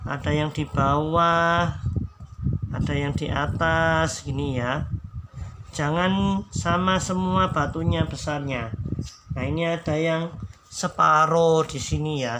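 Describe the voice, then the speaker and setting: Man, children's drawing teacher, slow careful delivery, slightly high voice, patient and repetitive, noisy background. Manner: patient, repeats instructions, counts strokes aloud. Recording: background noise.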